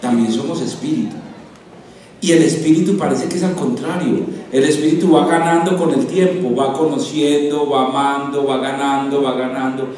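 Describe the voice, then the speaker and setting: A man giving a playful, animated sermon to a youth congress in a large hall. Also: mid-range voice, normal speed. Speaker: speaker. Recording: echoey hall from far off.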